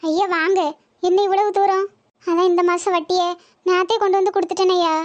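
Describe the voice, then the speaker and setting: Very high-voiced woman in a cartoon. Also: level tone, brisk, highs cut off. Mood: distressed. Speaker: voices most cartoon characters. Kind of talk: cartoon voice acting.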